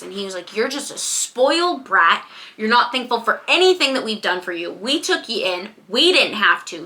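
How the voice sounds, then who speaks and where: A young woman casually recapping a romance novel plot while doing her makeup, chatty and animated. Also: medium pitch. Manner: chatty, animated retelling with quoted voices. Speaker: book vlogger.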